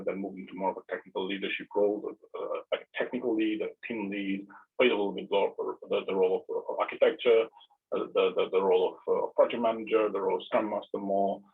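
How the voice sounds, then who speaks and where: A man in his thirties from Romania, giving an online tech presentation in a halting way, often repeating words before going on. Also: fairly low pitch, steady tone, slightly rough. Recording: tinny, phone-like narrow audio.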